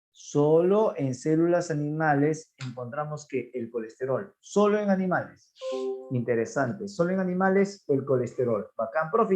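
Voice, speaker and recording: A biology teacher talks through his class with bounce and energy, tossing questions out and answering them himself. His voice sits a little high for a man. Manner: animated, asks and answers his own questions, voicing students. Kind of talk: online class lecture.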